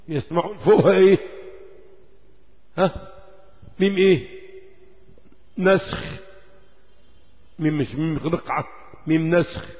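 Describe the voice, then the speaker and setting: A man with an Egyptian Arabic accent giving a religious lesson, posing rhetorical questions to his class and answering them himself. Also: high-pitched. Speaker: Islamic lecturer. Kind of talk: religious lesson explaining Quran script. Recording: dull reverberant lecture hall recording.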